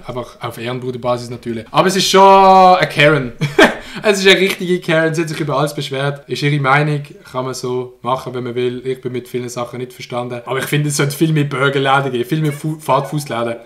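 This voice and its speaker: A man's voice: medium pitch, steady tone, fast, a bit bright. A young man with a Swiss German accent giving slangy, joking reaction commentary and laughing often. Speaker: YouTuber reacting to a video.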